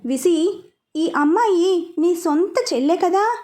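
A man's voice: very high-pitched, lively intonation, slow, dark tone, voice pushed up, heavily acted. A woman voicing a blunt, teasing young man. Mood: dry. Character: blunt young male driver, teasing brother figure.

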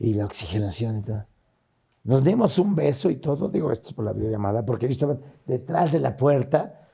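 Older mexican guy telling his story as a guest, raspy, gravelly, earnest and emotional. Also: medium pitch, animated, fairly quick, dark tone. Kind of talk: casual interview storytelling.

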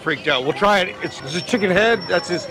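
A man's voice: sits high, lively intonation, a little fast. A man in his forties hosting a casual food challenge vlog, exclamatory and hesitant, on a lapel mic outdoors on a street. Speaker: vlog host. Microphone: clip-on lapel mic. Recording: busy outdoor street, music behind.

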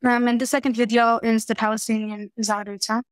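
Teen girl presenting to a class over a webcam; a bit high, monotone, earnest with small restarts. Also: a little fast, over loud music, poor audio. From Morocco. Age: teens. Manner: earnest, slightly hesitant with fillers and restarts. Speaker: student presenter. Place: small room indoors. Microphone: webcam on a video call.

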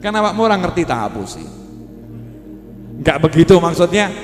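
A man's voice: on the high side, very animated, moderate pace. A man with a Javanese accent giving a folksy, humorous sermon to a congregation. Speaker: preacher. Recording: echoey hall with music.

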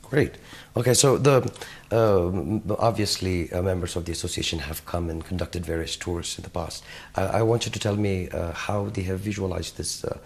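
A man's voice: sits low, fairly even intonation, normal speed, vocal fry. A middle-aged man hosting a studio TV interview, asking his questions hesitantly with fillers. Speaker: TV interviewer, host. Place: TV studio, seated at a desk.

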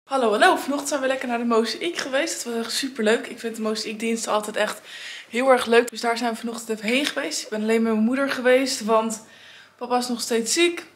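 A woman's voice: fairly high pitch, fast, slight background noise. Cheerful chatty teenage girl vlogging. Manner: upbeat, chatty, enthusiastic. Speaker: family vlogger. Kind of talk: casual vlog chat to camera.

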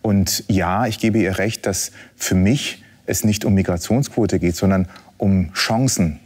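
Slow, deliberate man with a lowish voice. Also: a little mellow. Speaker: discussion panelist. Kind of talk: casual discussion.

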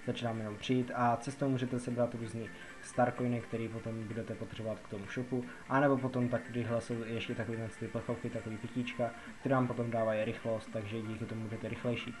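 A man from the Czech Republic talks through a game tutorial casually, repeating explanations and using lots of fillers, with music in the background. He speaks at a medium pitch with little variation and few pauses, on a low-quality recording.

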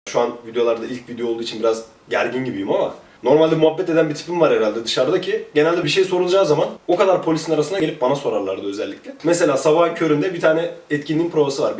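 A man, a former police officer, telling casual stories about his time on duty in a lively, chatty way. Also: fairly high pitch, echoey room, recorded from a distance. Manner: lively, chatty, jumps between anecdotes. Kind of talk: casual anecdotal storytelling.

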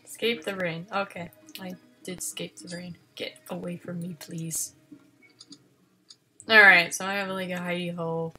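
A woman giving casual game commentary, swinging from panicked shrieks and swearing to low muttering. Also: level tone, normal speed, bright, forceful tone. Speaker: gaming video host.

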